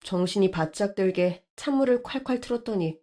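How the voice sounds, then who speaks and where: A woman narrating a scripted story in an expressive, lively way. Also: medium pitch, fairly quick.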